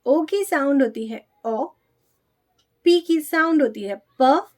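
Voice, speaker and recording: A woman gives a phonics lesson for parents of small children. Her voice sits high, and she speaks slowly. She repeats each letter sound with care before she moves on. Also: animated. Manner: slow, drawn-out demonstration of letter sounds. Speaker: pre-primary teacher.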